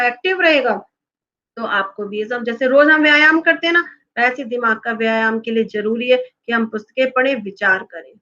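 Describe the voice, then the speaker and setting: A woman's voice: sits high, bright, forceful tone, muffled recording. A woman teacher explaining a lesson to children, often asking them rhetorical questions. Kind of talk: classroom lesson talk to children.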